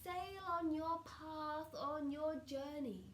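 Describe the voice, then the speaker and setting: Woman as a high-pitched, slow seance medium spirit voice. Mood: reassuring, solemn. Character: benevolent spirit collective speaking through a medium, solemn and loving. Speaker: trance channeller answering audience questions. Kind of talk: trance channelling, oracular spiritual guidance. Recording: roomy echo with faint background noise.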